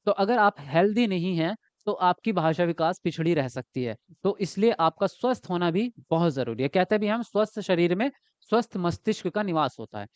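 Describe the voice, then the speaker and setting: High-voiced chatty male teacher. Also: lively intonation, a little fast, clear, resonant tone, dry recording. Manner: chatty, keeps asking "right?" and answers chat comments. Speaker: exam prep teacher. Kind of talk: live online class lecture. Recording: dull lo-fi dry sound.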